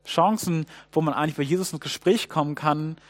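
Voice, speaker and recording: Male preacher, lively storytelling sermon, acts out voices, slightly high pitch. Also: brisk. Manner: lively storytelling, acts out voices, swings between loud and hushed.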